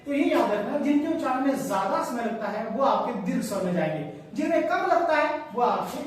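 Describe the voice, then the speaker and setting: Heard through a distant mic in a very echoey room with faint hiss, this Hindi grammar teacher speaks in a very high, sing-song voice at a brisk pace. His lecture repeats key points and quizzes the class.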